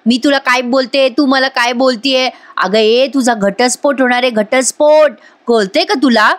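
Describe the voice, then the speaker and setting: Jealous young rival, snappish and taunting, voiced by a woman reading a recap, a bit higher than her usual. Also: moderate pace, natural voice. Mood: angry. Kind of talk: dramatized dialogue in a serial recap.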